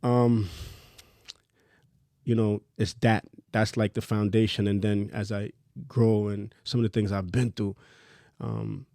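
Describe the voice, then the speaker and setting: A man in his thirties from Trinidad, a fashion designer telling his story in a relaxed, candid, slangy podcast chat. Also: fairly low pitch, unhurried, gravelly, no echo, studio quality. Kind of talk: casual interview chat.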